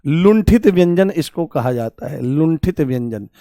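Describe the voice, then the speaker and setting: Male teacher, high voice, repetitive quizzing, drills pronunciation, dry close recording. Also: animated, unhurried, mellow, dry recording. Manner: repeats key points and quizzes students with questions; addresses students affectionately and drills pronunciation aloud. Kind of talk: live online exam-prep class.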